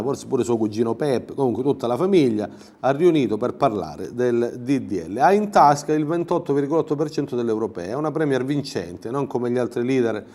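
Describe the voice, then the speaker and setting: A man delivering a sarcastic political commentary monologue, mocking and ironic, who often clears his throat. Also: mid-range voice, a little mellow.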